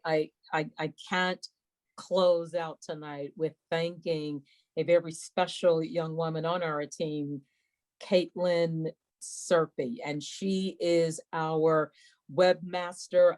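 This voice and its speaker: A woman's voice: low-pitched, a little mellow. A woman hosting an online webinar question and answer session in a courteous, somewhat formal way. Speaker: webinar host and moderator.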